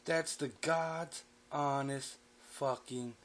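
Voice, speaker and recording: A man voicing his drunk, furious middle-aged father, ranting and swearing loudly. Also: medium pitch, steady tone, drawn-out words. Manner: shouting, profane.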